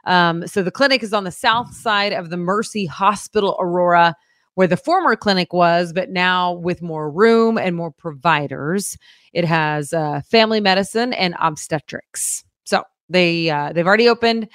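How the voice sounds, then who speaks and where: A woman's voice: fairly low pitch, moderate pace, a bit bright, no echo, clean studio sound. Chatty upbeat woman co-hosting local news. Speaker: news show co-host. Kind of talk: casual local news chat.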